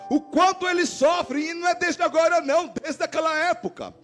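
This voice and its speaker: A man with a Brazilian Portuguese accent, a pastor giving an animated sermon and acting out the dialogue in his stories. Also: very high-pitched, fairly quick, faint music behind. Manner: animated preacher voicing quoted dialogue. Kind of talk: sermon with storytelling. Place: church service.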